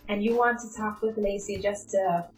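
A woman hosts a podcast interview, warmly affirming her guest and summing up what was said. Her voice sits at a middle pitch and rings in a roomy space, with faint music underneath. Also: steady tone, normal speed. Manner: affirming, encouraging, sums up the guest's points. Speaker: podcast host. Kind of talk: conversational interview.

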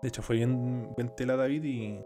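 A man's voice: mid-range voice, steady tone, normal speed. A young man with a Chilean accent tells a long, rambling anecdote in casual talk. His delivery is crude and loaded with slang and swearing. Faint music plays in the background. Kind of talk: casual storytelling.

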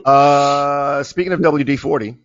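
Male co-host, animated, laughs often, trips over words; dull, dry recording. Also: lowish voice, gravelly, no room sound. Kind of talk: casual chat.

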